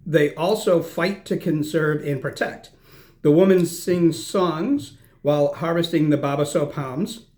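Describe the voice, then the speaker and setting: Guy doing a snack taste test vlog, kinda high voice, jokes at himself, talks while chewing. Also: darkish tone. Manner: self-deprecating, chatty, chews while talking. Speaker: snack tasting vlogger. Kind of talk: casual snack review, reading product notes.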